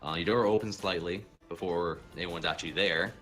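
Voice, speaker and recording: A man running a tabletop game as game master, relaxed and chuckling, with fillers. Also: low voice, brisk, soft background music.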